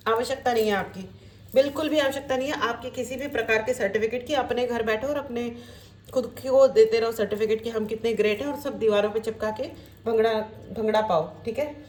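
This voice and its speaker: A woman with a fairly high voice gives a spiritual tarot reading, talking to viewers as friends and switching freely between Hindi and English. She sounds like she is in a room with noticeable echo. A faint background noise runs underneath. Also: steady tone, a little fast. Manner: mixes Hindi with English, addresses viewers as friends, warm reassuring asides. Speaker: tarot reader.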